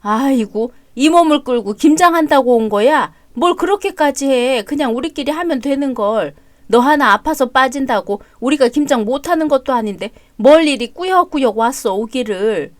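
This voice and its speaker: A woman's voice: sits high, animated, normal speed, no room sound. A woman playing a fiery, fussing mother-in-law. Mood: soothing. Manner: scolding, fussing, loud. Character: fiery caring older Korean mother-in-law. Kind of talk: audio drama story reading.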